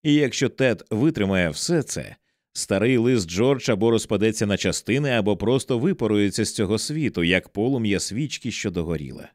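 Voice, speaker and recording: Guy reading a horror audiobook, lowish voice that swings up and down a lot, very dry close sound. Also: lively intonation, no echo. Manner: measured, dramatic storytelling with wide swings in pitch. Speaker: audiobook narrator.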